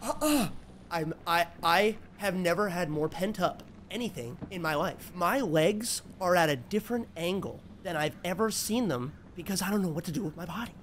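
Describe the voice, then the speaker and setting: A man's voice: sits high, expressive, moderate pace, a bit bright, slight background noise. Jittery young man muttering through horror gameplay. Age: 20s. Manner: jittery, muttering to himself, repetitive, profane. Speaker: horror game streamer. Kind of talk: casual live gameplay commentary. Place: small indoor room, seated at desk.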